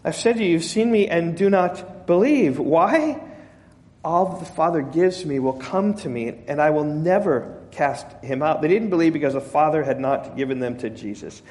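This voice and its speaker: A male pastor giving a sermon, conversational, often restarting words and rising in pitch when he quotes. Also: lively intonation, normal speed, darkish tone, long reverb tail. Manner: conversational preaching with frequent restarts, rising emphasis when quoting.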